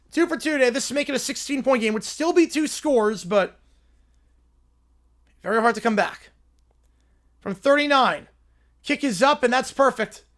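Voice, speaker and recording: Hosting a football watch-along stream, a Long Island, New York man in his twenties calls each play live, then slips into relaxed chat and answers viewer questions between snaps. His voice is fairly high for a man and fairly bright.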